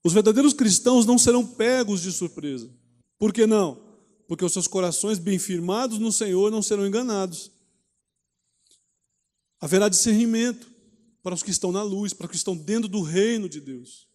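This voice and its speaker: A pastor teaching a Bible study in a conversational preaching manner, often asking rhetorical questions. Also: male voice, sits high, brisk, dark tone, in a large hall. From Brazil. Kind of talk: sermon teaching.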